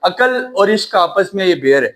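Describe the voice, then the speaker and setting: High-voiced man teaching grammar. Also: very animated, a bit bright. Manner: repeats checks like "right?", calls students "child", spells slowly. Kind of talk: classroom lecture.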